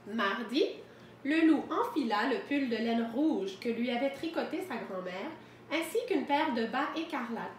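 A woman teacher reads a picture book aloud for children at home, pausing to explain words. Her voice sits high and clear. The room is echoey, with faint hiss behind. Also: lively intonation.

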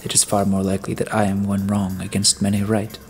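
A man reading the part of a hard-edged, suspicious detective from Earth. He presses with pointed questions and snaps out orders in a low, firm voice. Soft music sits behind. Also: completely flat delivery, fairly quick, natural voice. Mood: commanding suspicious. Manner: blunt, commanding, probing.

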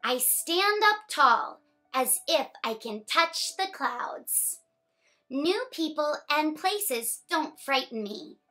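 A young woman hosting story time reads a picture book aloud for children in a high, bright voice. She goes slowly, lingering on each phrase, with an animated, expressive delivery meant for very young listeners, while faint music plays behind her.

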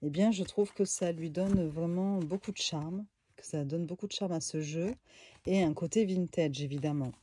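A woman casually reviewing a tarot deck for her viewers in a room at home, relaxed and chatty, with lots of fillers and small asides. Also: fairly low pitch, normal speed, slight background noise.

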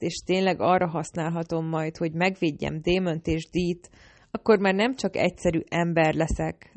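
Egy nő, aki élénken, kifejezően olvas fel egy hangoskönyvet egyes szám első személyben. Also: female voice, on the low side, darkish tone, dry recording. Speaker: audiobook narrator. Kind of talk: first-person audiobook narration.

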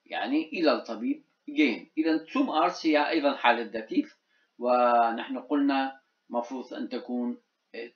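Guy teaching german grammar, says the examples real slow, kinda dull echoey room sound. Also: mid-range voice. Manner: checks in with "ha?", repeats example sentences slowly. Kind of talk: explaining grammar exercises.

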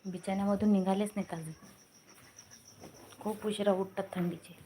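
A woman's voice: medium pitch, little pitch movement, moderate pace, heavy background noise. A woman hosting a casual phone live stream, coaxing viewers to comment and thanking them again and again. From Maharashtra, India.

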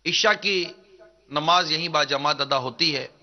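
A man preaching a devotional sermon in an earnest, measured declaiming manner. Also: on the high side. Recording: dull lo-fi recording.

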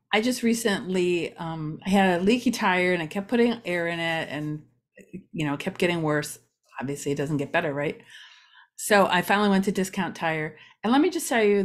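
A middle-aged woman, chatting through a casual local news vlog with joking asides. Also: lowish voice. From Ohio, USA.

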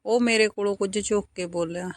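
A woman with a Punjabi accent narrating a first-person story in a soft, intimate scripted delivery. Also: medium pitch, steady tone, fairly quick, dry recording, clean studio sound.

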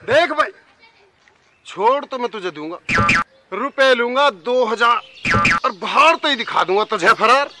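A man's voice: very high-pitched, expressive, unhurried, pauses often, sharp tone, a little hiss or hum, exaggerated voice. A man playing a bossy, corrupt village police inspector in a comedy sketch. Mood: scheming. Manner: bossy, blustering.

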